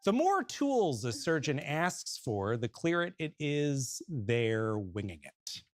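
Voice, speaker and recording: A game show host running an improv comedy game, handing out points with brisk, playful quips. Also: medium pitch, very animated.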